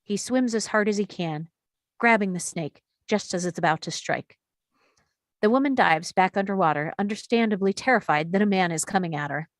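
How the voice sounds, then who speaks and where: A woman reading stage directions aloud in a table read, steady and clear. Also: mid-range voice, moderate pace, no room sound, clean studio sound.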